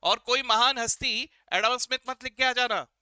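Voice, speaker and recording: A male accounting teacher with a high, very bright voice, teasing his viewers with quiz questions and answering for them. He slips English phrases into his lecture. The sound is clean and dry, close to the mic. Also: normal speed, clean tone, no echo. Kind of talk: classroom-style lecture.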